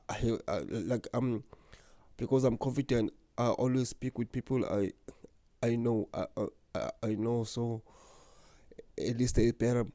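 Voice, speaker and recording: Recorded dry, a young South African man with a medium-pitched, dark voice talks to camera in a personal vlog. He earnestly and unhurriedly discusses being the host of his own channel. His stutter brings repeated words and blocks.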